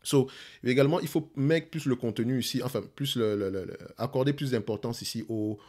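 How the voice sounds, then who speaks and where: A man's voice: medium pitch, brisk, darkish tone. A man with a Cameroonian French accent talking casually to his viewers, with a slight stutter and many repeated words. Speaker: investing YouTuber.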